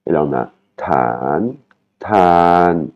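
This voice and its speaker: A man's voice: deep voice, expressive, drawn-out words, darkish tone, muffled recording. A man teaching a language lesson, patiently repeating words and singing out their tones.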